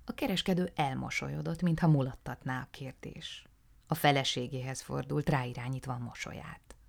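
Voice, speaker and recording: A woman narrating a first-person noir novel in a hushed, often half-whispered delivery. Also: rumbling low, steady tone, gravelly. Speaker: audiobook narrator.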